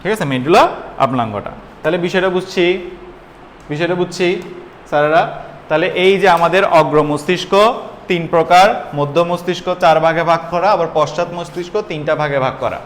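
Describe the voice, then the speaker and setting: A young man teaching a biology class, repeating terms slowly and quizzing his students. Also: fairly high pitch, a little hiss or hum. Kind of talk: classroom lecture. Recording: echoey room, faint ambience.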